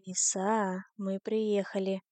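A gentle, teasing young man speaks slowly and softly, as a woman narrator puts him on. The sound is dry and close to the mic. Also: medium pitch, little pitch movement, no room sound, lightly acted. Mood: tender.

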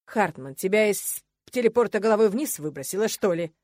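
A woman's voice: mid-range voice, brisk, no room sound, clean studio sound, natural voice. A woman doing a cool mocking young man. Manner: mocking, calm, teasing.

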